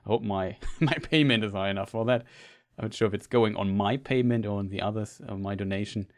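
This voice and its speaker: A man's voice: on the low side, fairly quick. A man, an English speaker, chatting casually with viewers while live-streaming a game, rambling and restarting his sentences.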